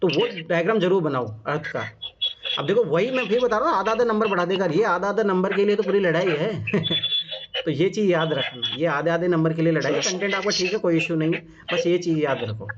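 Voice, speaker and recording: This casual, Hindi-speaking male exam coach has a high-sitting voice and speaks fairly quickly as he goes over answer copies. He keeps repeating reminders in an encouraging, informal way, on a muffled lo-fi recording with noticeable background noise.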